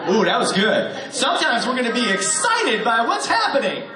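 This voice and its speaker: A man's very high-pitched voice swoops wildly as he speaks at a moderate pace, playfully joking with a live audience and coaching their cue-card responses. He's hosting a radio theater show, giving a warm-up in an echoey hall amid crowd noise and applause.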